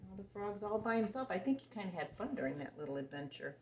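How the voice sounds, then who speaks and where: In a room with a roomy echo and faint background noise, a woman reads a picture-book story aloud to young children. Her medium-pitched voice has lively intonation and a normal speed, and she tells it simply and expressively, asking the listener questions along the way.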